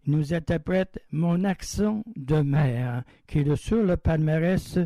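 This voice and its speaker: A man's voice: fairly high pitch, takes it slowly, dark tone, no room sound, rough recording. A man hosting a radio show, reading a short news item and then chatting loosely about it and the next songs. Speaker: radio host. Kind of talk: casual radio presenting.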